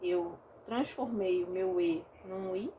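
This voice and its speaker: A woman with a Rio de Janeiro Portuguese accent gives a recorded online phonetics lesson, breaking it down step by step and often checking in with her class. She speaks slowly in a fairly low, dark voice. The audio is dull, with slight background noise.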